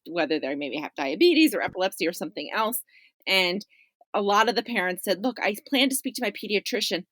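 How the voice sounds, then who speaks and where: With no room sound, a middle-aged woman's slightly bright, lowish voice comes through clearly. She is a chatty, emphatic podcast guest who talks about her parents' views and habitually checks in with "right?".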